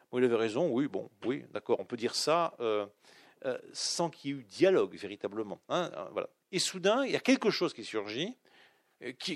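A man's voice: a little high, no echo, studio quality. A middle-aged man teaching literature, explaining a text aloud with frequent fillers, restarts and ironic asides.

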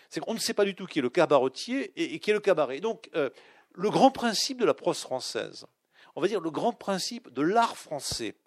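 A man's voice: fairly high pitch, no echo, clean studio sound. A middle-aged man teaching literature, explaining a text aloud with frequent fillers, restarts and ironic asides.

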